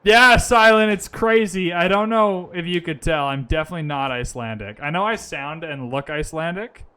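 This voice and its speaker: Streaming from Vancouver, a man narrates his strategy game in relaxed, chatty fashion, working out moves aloud and breaking off to talk with viewers. He speaks at normal speed in a clean, bright, forceful voice pitched a touch high.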